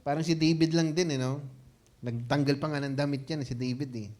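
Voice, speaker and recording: A man's voice: a little high, fairly even intonation, a little fast, a little mellow. A man preaching a conversational sermon as pastor, playful and laughing often, often checking in with the congregation and mixing Tagalog with English.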